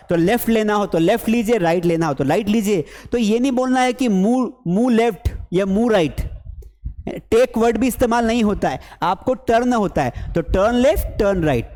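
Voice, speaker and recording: High-voiced man teaching English. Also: darkish tone, long reverb tail. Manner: explains with everyday examples, repeats phrases for learners. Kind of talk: bilingual spoken English lesson.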